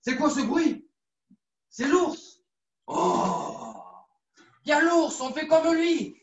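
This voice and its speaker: A woman leading a children's judo class, coaxing and repeating each instruction in a lively way. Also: high voice, slow pace, muffled recording. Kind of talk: live online kids' class, story-led exercises. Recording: echoey room, far from the mic.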